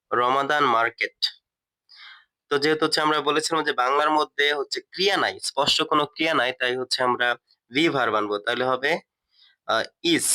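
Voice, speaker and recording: A man with a bright, forward voice, teaching a step-by-step lesson. He sits at a middle pitch, asks himself questions and answers them, and repeats the key words as he goes. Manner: explanatory, asks and answers his own questions; many fillers and restarts, repeats key words. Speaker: English teacher.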